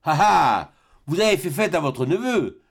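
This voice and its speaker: A man's voice: fairly high pitch, sing-song, unhurried, vocal fry, pitched above the performer's own voice, heavily acted. A sly old miser from a classic novel, voiced by a man reading it aloud, with a raised, sing-song voice that mocks and teases. He drags out his words with cold amusement. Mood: sly mocking.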